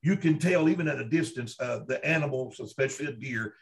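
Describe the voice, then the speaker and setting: This Bigfoot researcher, speaking as an interview guest in a Kentucky accent, has a brisk, creaky, medium-pitched voice. He recounts his own experiences conversationally and with folksy emphasis, often repeating himself.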